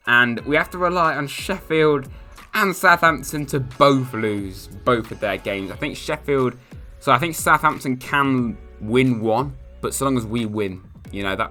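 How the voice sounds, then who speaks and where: Chatty English guy, bright voice. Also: medium pitch. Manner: chatty, swings between mumbled asides and excited shouts at goals. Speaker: gaming youtuber. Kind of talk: casual gameplay commentary. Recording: light music behind.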